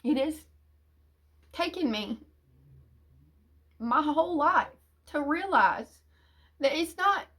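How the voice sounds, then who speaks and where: A woman YouTuber delivers a confessional monologue, speaking hesitantly and emotionally with frequent restarts and sighs. Her delivery is expressive and slow, full of pauses, and at times sinks into a quiet, low mumble.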